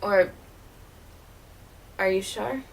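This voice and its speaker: A woman playing a wounded, wry teenage girl who was once a child stage performer, delivering a dramatic monologue in a bitter, halting way. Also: medium pitch, vocal fry, poor audio. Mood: hurt, bitter. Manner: bitter, hurt, halting with repeated words.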